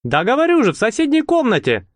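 A man's voice: extremely high pitch, wildly swooping pitch, no echo, clean studio sound, pitched above the performer's own voice, heavily acted. A man doing a chirpy little gang kid. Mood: eager. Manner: rapid eager chatter. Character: youngest male gang member, short, nimble and chatty. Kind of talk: audiobook character voice.

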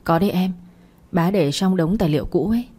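Lady reading sly young guy coaxing on the phone, low husky voice. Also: brisk, warm tone. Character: scheming young man on the phone, Quang.

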